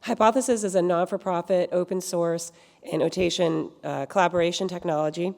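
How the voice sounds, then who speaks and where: Female presenter, lowish voice, strained and fading, brisk pitch, big hall reverb. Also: steady tone, darkish tone. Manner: brisk promotional pitch, clears throat. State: losing her voice. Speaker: conference presenter. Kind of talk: lightning talk.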